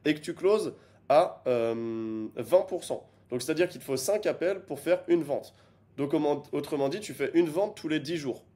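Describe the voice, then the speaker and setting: A man's voice: on the high side, animated, moderate pace, dark tone. Punchy young man teaching business. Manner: emphatic, repeats points for stress. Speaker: business coach. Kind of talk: energetic online business lesson.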